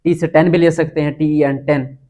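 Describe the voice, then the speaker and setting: A man's voice: on the high side, little pitch movement, moderate pace, warm tone. Man spelling words out letter by letter. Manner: explains step by step, spells words letter by letter, repeats "theek hai". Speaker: teacher. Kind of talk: casual spoken lesson.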